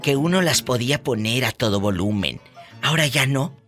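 A man's voice: medium pitch, animated, moderate pace, a bit bright, soft background music. A man with a Mexican accent hosting a radio call-in show, campy and teasing, laughing often. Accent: Mexican Spanish. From Mexico, Tamaulipas. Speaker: radio host. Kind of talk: flamboyant radio call-in banter.

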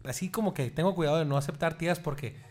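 High-voiced, jokey Mexican man. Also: racing, a little mellow. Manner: jokey and teasing. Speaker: podcast co-host. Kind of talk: casual chat.

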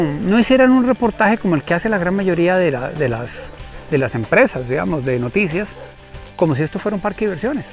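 Animated man telling rescue stories. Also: high voice. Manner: expressive, acts out shouts and voices. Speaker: animal rescuer, interview guest. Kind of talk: animated storytelling.

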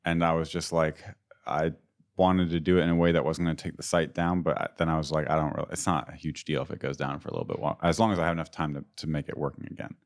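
A man with a low, unhurried voice, getting over being sick, chatting casually about technical work as a co-host. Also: little pitch movement. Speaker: podcast co-host. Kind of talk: casual tech chat.

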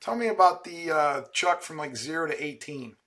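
A man's voice: fairly high pitch, expressive, moderate pace, sharp tone. A man in his thirties from Ohio hosting a podcast, talking eagerly and casually with lots of fillers. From Ohio, USA. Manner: enthusiastic, chatty, many fillers. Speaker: podcast host. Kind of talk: casual interview chat.

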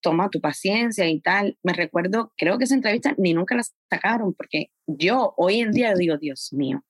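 Animated woman telling her story. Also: mid-range voice, fairly quick, breathy edge, dry recording. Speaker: podcast guest. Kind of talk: casual conversation.

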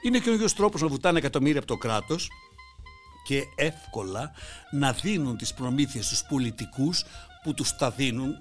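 A man delivering a mocking satirical monologue, swinging between loud outbursts and hushed asides. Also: mid-range voice, lively intonation, faint music behind. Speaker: satirical commentator.

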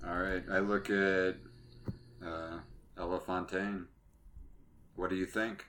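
Low, bright-voiced male player. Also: level tone, slow pace, slight background noise. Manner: direct, earnest speech. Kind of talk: playing a tabletop game in character.

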